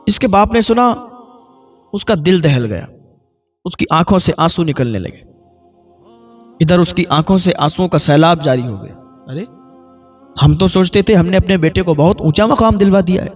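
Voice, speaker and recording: A man delivers a storytelling sermon in a high, emotive voice, repeating phrases for weight. The recording is dull and lo-fi, with faint music in the background. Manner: emotive, repetitive preaching. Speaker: maulana. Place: mosque.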